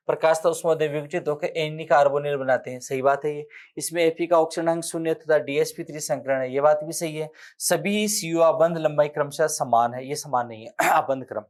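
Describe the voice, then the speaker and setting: A man with a Rajasthani accent teaching an exam-prep chemistry lecture, explaining step by step, counting aloud and correcting himself as he writes on the board. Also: on the high side.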